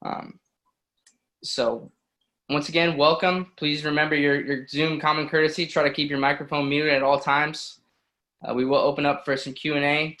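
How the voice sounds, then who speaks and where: A man's voice: medium pitch, a bit bright. A man hosting and opening a meeting on a video call, introducing the next speaker. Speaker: meeting host.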